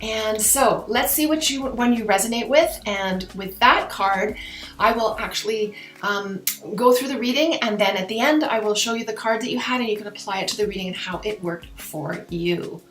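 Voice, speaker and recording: A woman tarot and oracle card reader hosting her own channel does a fortune-teller-style card reading to camera, speaking directly to viewers in a mystical, new-age way. Her mid-range voice is fairly bright, at a moderate pace, and sounds reverberant.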